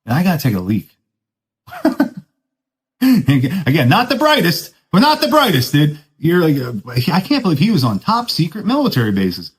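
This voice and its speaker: A man hosts a podcast, telling a loose story in relaxed surfer slang. His pitch jumps all over as he talks, swinging high and low. He pokes fun at himself and laughs along the way. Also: normal speed, poor audio. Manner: laid-back surfer talk, keeps saying "dude"; rambling, self-mocking, laughs often. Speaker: podcast host. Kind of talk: casual storytelling monologue.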